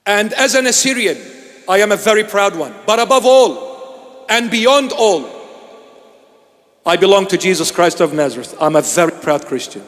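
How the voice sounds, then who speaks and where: A man from Iraq, a bishop, preaching a sermon in a large church hall. He speaks emphatically, repeating his phrases and sometimes breaking into shouts. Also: high voice, animated, moderate pace. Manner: emphatic and repetitive, bursts into shouts. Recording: long hall reverb.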